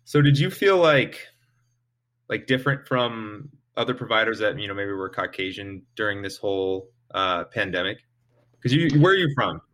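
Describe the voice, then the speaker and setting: A man's voice: fairly low pitch, animated, moderate pace, fairly bright tone. A man hosting a podcast interview, asking friendly, probing questions. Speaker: podcast host.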